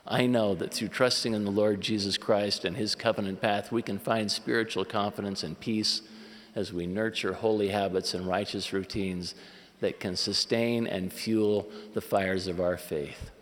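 A man giving an earnest, measured sermon as a church leader at a conference. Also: lowish voice, steady tone. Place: large conference hall. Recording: long reverb of a large hall.

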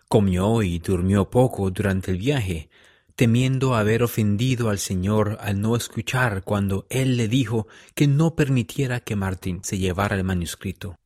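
Male storyteller, low pitch, solemn and measured, dry recording. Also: a little mellow, no room sound. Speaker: narrator. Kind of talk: scripted story narration.

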